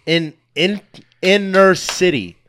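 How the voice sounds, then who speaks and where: Emphatic man with a higher-pitched voice. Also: slow, fairly bright tone, a little hiss or hum. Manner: emphatic, blunt, slangy. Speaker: panelist giving a pastor's opinion. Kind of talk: casual heated commentary chat.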